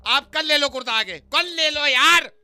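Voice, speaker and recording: A man playing an irritable shouting tailor in a comedic prank phone call, scolding loudly. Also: very high voice, moderate pace.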